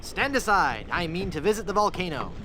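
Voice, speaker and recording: High-voiced, animated, wry young adventurer. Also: male voice, a little fast, background noise. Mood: flippant, eager. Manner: wry, flippant, light. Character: glib, naive young male adventurer, wryly sarcastic. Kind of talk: scripted comic adventure game dialogue.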